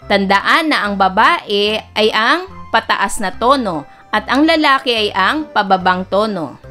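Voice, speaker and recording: A woman music teacher giving a recorded lesson to children, speaking slowly and clearly. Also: on the high side, bright, forceful tone. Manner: slow, clear teacher talk, breaks into singing nursery songs.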